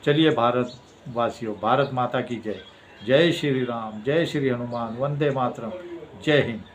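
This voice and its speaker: A man's voice: medium pitch, a little slow, slight background noise. A man delivering an impassioned political monologue, fervent and declamatory, repeating his points for emphasis. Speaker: political commentator.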